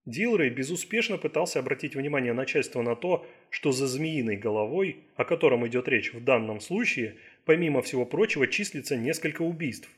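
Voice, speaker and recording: A man narrating an audiobook thriller in a steady, measured reading. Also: mid-range voice, breathy edge. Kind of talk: scripted narration.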